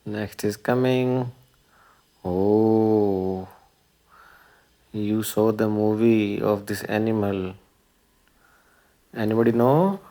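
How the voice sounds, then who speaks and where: Presenting a children's learning video, this man speaks in a voice on the low side with a dark tone and fairly even intonation. He goes very slowly, pausing often, using short, simple phrases for young children and frequently prompting them with questions.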